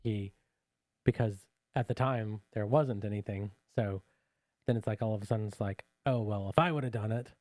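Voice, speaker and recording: A man's voice: lowish voice, moderate pace, darkish tone, dry recording. A man co-hosting a casual reaction podcast, arguing earnestly and often restarting his sentences. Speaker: podcast co-host.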